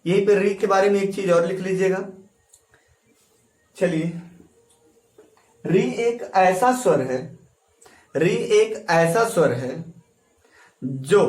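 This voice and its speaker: A male teacher giving a classroom lecture, repeating key phrases slowly and quizzing his students as he writes on a board. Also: fairly high pitch, darkish tone. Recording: echoey room, voice from a distance.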